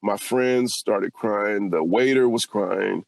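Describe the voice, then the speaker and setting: A man's voice: lowish voice, slow, gravelly, a little mellow, no echo. A man from California hosting a podcast, talking in an earnest, reflective and personal way. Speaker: podcast host. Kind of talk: casual podcast conversation.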